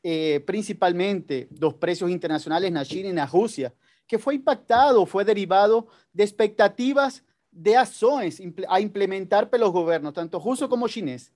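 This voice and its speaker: A man's voice: sits high, a little mellow. Man explaining prices. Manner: measured, explanatory, Spanish slips. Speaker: company executive. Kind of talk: earnings call answer.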